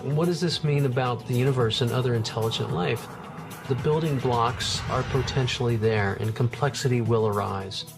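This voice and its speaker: A man's voice: mid-range voice, moderate pace, creaky, music in the background. A man speaking as a scientist in a documentary, explaining in an enthusiastic, marveling way without a script. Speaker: marine biologist, interview subject.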